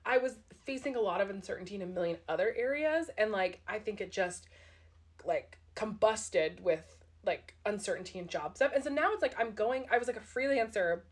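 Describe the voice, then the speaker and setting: Recorded in an attic, a young adult woman with a brisk, mid-range voice co-hosts a podcast. She chats casually and self-deprecatingly about personal things, sprinkling "like" throughout.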